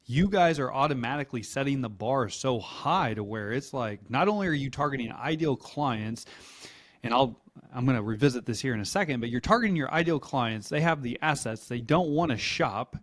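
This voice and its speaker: Enthusiastic male podcast host. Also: medium pitch. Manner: enthusiastic, hyping the guest. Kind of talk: podcast interview.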